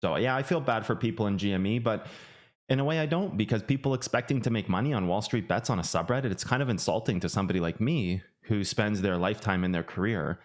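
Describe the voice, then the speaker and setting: A man's voice: lowish voice, fast talker. A man who hosts a finance channel, talking in a loose, rambling way with many restarts and fillers. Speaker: finance YouTuber. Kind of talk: casual livestream chat.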